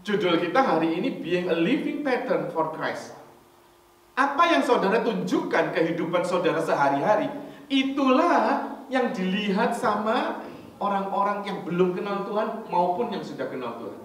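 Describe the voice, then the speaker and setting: A male pastor tells stories in a chatty, animated way, checking in with his listeners and mixing in English. His fairly high voice booms around a very echoey church hall. He is heard from far off the mic over faint noise. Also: moderate pace. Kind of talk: storytelling sermon.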